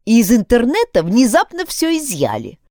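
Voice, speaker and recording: A woman's voice: fairly high pitch, huge pitch swings, moderate pace, warm tone, no echo, studio quality, voice pushed up. A woman voicing a stern, pushy young village man who presses and threatens. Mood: pressing.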